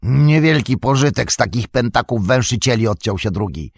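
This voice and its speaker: Man voicing a sneering orc tracker, sly, cowardly, husky and gravelly, dry close audiobook sound. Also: mid-range voice, expressive, moderate pace, no room sound. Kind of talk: audiobook reading.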